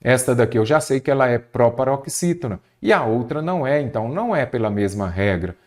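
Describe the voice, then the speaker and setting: A man's voice: mid-range voice, lively intonation, a little fast, a little mellow. A man teaching a Portuguese grammar exam-prep lesson, explaining step by step and often checking in with the viewer.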